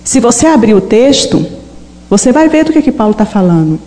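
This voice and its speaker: A woman's voice: fairly high pitch, big pitch swings, fairly quick, dark tone, big-room sound. A woman preaching a sermon, emphatic and full of stories, acting out her prayers. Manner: emphatic, storytelling with acted prayers.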